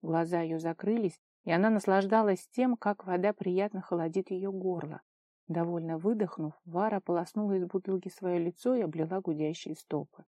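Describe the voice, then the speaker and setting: A woman narrating a fantasy novel in a steady storytelling voice. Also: lowish voice, moderate pace, no echo. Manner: steady storytelling, lively dialogue. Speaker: audiobook narrator. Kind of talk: scripted narration.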